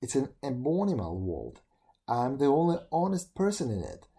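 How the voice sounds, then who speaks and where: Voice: mid-range voice, moderate pace, warm tone, lightly acted. A reader voicing a proud, complaining male dung beetle in a storybook reading. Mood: grumbling. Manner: indignant, complaining.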